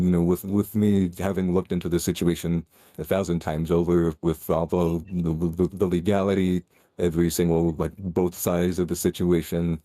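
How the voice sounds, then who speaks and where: A man's voice: low-pitched, warm tone, no room sound. A man speaking through a voice changer in a voice-chat debate, rambling with many fillers and restarts.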